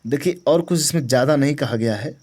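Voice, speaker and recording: A man's voice: medium pitch, fast talker, darkish tone. A man teaching a grammar lesson, who asks questions and answers them himself, repeats key words and checks that the class understands. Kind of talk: grammar lesson to exam students.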